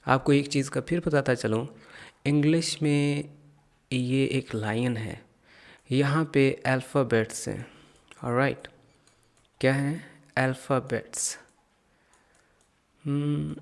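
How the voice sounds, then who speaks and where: Man, pronunciation teacher, unhurried drawn-out delivery, gravelly fry, repeats phrases for practice. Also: medium pitch. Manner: repeats English phrases slowly and deliberately for practice. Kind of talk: pronunciation lesson, reading aloud.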